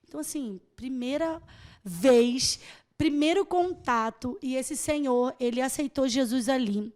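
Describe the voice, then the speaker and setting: A woman from Rio, a mission volunteer telling her story as a podcast guest, animated and laughing as she acts out the conversations. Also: high voice, unhurried. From Rio de Janeiro. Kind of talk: podcast testimony.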